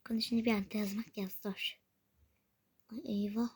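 A woman's voice: mid-range voice, flat delivery, moderate pace, noisy background. A woman giving casual gameplay commentary, talking to herself and often slipping into a whisper. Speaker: gaming video creator.

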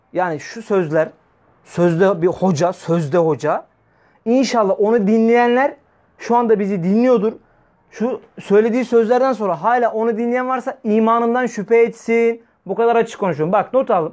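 Fiery, high-voiced preacher. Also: male voice, darkish tone. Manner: fiery, scolding, rhetorical questions to listeners. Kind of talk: weekly religious talk.

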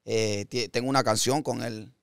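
A young adult man hosting a podcast, telling stories in an animated, slangy way. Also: mid-range voice, moderate pace, gravelly. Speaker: podcast host. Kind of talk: casual podcast conversation.

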